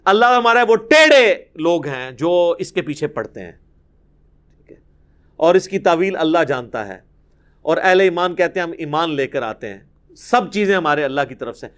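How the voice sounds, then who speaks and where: A man teaches a Quran commentary lesson. His voice sits fairly high, and he explains each point emphatically, breaking into recited Arabic verses between his explanations. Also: sing-song, fairly bright tone.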